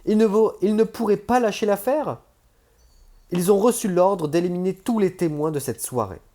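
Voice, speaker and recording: A man's voice: sits high, animated, moderate pace, warm tone, pitched above the performer's own voice. A man reading an audiobook voices a tense young woman on the run, urgent and clipped.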